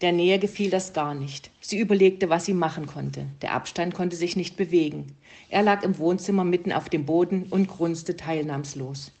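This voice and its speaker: A woman calmly reading a German story aloud to listeners. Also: fairly low pitch, normal speed. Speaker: reader.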